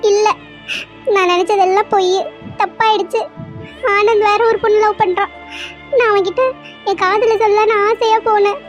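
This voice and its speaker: A woman's voice: very high voice, steady tone, normal speed, pauses often, music in the background. A woman voicing a heartbroken young woman in a cartoon serial, tearful and pleading.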